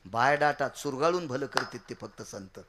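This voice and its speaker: A man preaching a devotional kirtan sermon, swinging from shouted high outbursts to low quiet asides. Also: expressive, normal speed.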